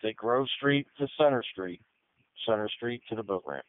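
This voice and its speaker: A man's voice: mid-range voice, moderate pace, dry recording. Man dispatching over tinny emergency radio. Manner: clipped, repeats unit call numbers back. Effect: two-way emergency radio transmission. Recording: tinny, dry radio channel.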